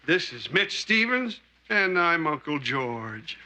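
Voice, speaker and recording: A man's voice: on the high side, very animated, bright, forceful tone, exaggerated voice. An actor playing a genial, simple-hearted handyman uncle in a 1980s sitcom, folksy and earnest. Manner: folksy, earnest, slow-spoken. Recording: noisy old TV sitcom audio.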